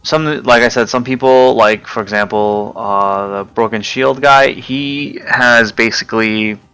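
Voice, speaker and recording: A man giving casual, hesitant commentary over his own gameplay, often pausing with fillers and forgetting names. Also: mid-range voice, fairly even intonation, sharp tone, clear, resonant tone. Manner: hesitant, many fillers, loses track of names. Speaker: gaming video creator.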